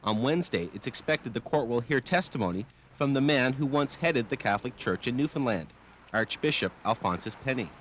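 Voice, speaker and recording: A man's voice: mid-range voice, expressive, fairly quick, slight background noise. Man reporting television news. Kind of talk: scripted news report narration.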